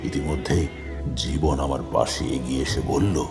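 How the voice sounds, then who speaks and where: A man narrating a horror audio story in the first person in a slow, grave way, sometimes chanting. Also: very deep voice, steady tone, music in the background.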